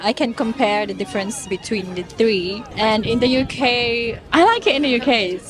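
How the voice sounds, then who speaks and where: A woman's voice: a little high, moderate pace, over music. A woman from Turkey candidly answering a street interview, laughing between her remarks. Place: city street outdoors.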